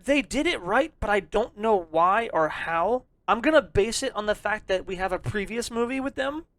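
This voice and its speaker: An excitable podcast co-host rambles through a casual chat, swearing freely. The voice sits at a middle pitch and comes across close and dry, with no room sound around it. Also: moderate pace, no echo.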